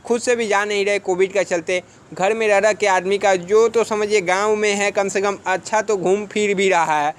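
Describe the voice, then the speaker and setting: High-voiced man giving earnest advice. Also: fairly bright tone. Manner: earnest, exhorting, rhetorical questions. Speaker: defence exam coaching teacher. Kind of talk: casual advice vlog to students.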